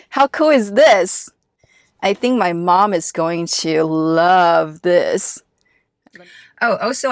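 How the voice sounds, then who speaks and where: Woman from Taiwan, first language chinese, car vlogger talking slowly through settings, dry close sound. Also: medium pitch, a bit bright, no room sound. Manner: chatty and explanatory, walking viewers through steps. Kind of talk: casual vlog narration. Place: inside her car.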